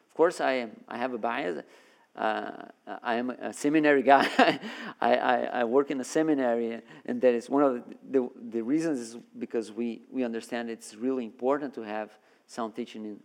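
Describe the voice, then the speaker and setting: A man's voice: mid-range voice, gravelly. Earnest male preacher. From Brazil. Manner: earnest, with frequent restarts and repeated words. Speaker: guest preacher and seminary worker. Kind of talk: sermon.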